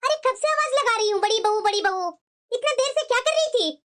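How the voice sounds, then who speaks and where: A woman's voice: very high-pitched, lively intonation, fairly quick, fairly bright tone. A woman voicing a scheming, bossy mother-in-law in a cartoon, scolding and nagging her daughter-in-law. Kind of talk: cartoon voice acting.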